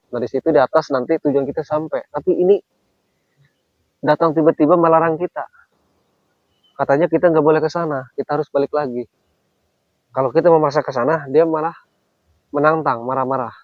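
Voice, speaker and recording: A man talking fast in a fairly high voice, pressing a stranger with question after question and heaving exasperated sighs. The sound is dull and lo-fi, and the voice sits close and dry. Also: no room sound. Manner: insistent repeated questioning. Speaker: vlogger. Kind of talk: confrontational vlog on the move. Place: outdoors on a hill trail.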